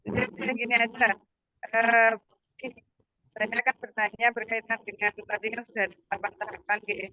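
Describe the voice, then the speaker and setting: A woman's voice: on the high side, level tone, normal speed, sharp tone, dry recording, muffled recording. Woman on a choppy, breaking-up video call. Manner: hesitant, with many fillers. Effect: choppy, humming internet call audio breaking up. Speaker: student asking a question. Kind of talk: question on an online video call.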